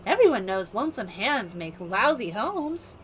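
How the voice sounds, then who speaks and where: A woman's voice: medium pitch, very animated, measured pace, slight background noise. A woman putting on a folksy, drawling house-cleaner. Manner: drawling put-on country accent, folksy sayings. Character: folksy, homespun house-cleaner, chatty and old-fashioned. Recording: game music playing behind.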